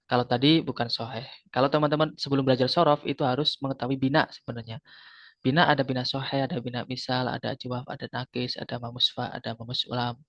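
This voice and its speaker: A man's voice: medium pitch, flat delivery, fast talker, fairly bright tone, no echo. A man teaching an Arabic grammar class, explaining patiently, repeating terms and quizzing his students. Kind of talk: online grammar lesson. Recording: dull lo-fi sound.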